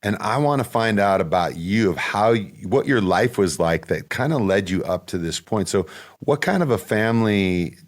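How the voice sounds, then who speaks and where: A man hosting a podcast who asks relaxed, probing follow-up questions. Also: lowish voice, normal speed. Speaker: podcast host. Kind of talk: conversational interview questions.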